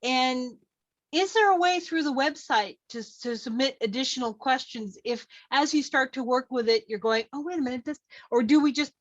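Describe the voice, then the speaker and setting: Woman, high voice, friendly meeting host, dull dry video call audio. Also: normal speed, no room sound. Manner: friendly, chatty, joking. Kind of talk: hosting an online meeting.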